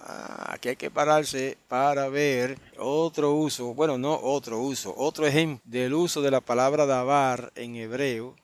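A man's voice: mid-range voice, fairly even intonation, measured pace, hardly any pauses. Man teaching a Bible study aloud. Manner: reads verses aloud, then comments with questioning tags; thinks aloud with restarts and asides. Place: online group meeting.

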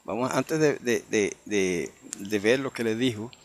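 A man teaching through a Bible passage verse by verse, slow and explanatory, often checking in with tag questions. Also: on the low side.

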